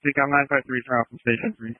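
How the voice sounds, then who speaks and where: A man's voice: mid-range voice, fairly even intonation, quick pace, dry recording. A man giving terse, procedural replies over a two-way radio. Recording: narrow, tinny radio channel.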